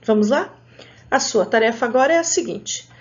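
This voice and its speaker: A woman teacher with a Brazilian Portuguese accent, giving an adult literacy lesson slowly and patiently and sounding out each syllable. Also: on the high side, lively intonation, muffled recording.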